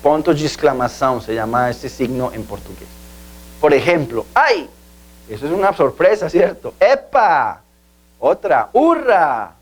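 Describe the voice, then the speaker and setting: Male tutor, slightly raised pitch, patient and repetitive classroom delivery. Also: very animated, a little slow. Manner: patient, repeats key words and asks "¿sí?". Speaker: language teacher. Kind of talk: video language lesson.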